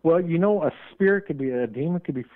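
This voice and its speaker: A man's voice: fairly high pitch, expressive, fast. A man being interviewed as a paranormal investigator on call-in radio, talking at length and running on in a rambling way. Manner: talkative, rambling, admits he runs on. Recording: tinny phone line.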